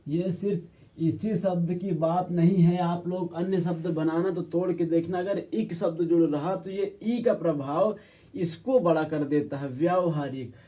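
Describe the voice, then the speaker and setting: A man teaching correct spelling for exam preparation, slowly spelling each word out. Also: a little high, mellow. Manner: slow, drawn-out word by word correction. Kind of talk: spelling lesson for exam prep.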